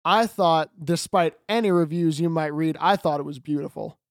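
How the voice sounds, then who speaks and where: A man's voice: fairly high pitch, moderate pace, no echo, clean studio sound. A young man co-hosting a podcast, explaining things earnestly in long run-on sentences. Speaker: podcast co-host. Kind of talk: casual chat.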